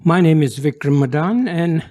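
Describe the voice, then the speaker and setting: A man's voice: a little high, lively intonation, moderate pace, darkish tone. An older man introducing himself on a conference panel, earnest and loosely phrased. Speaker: panellist, community elder. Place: conference stage.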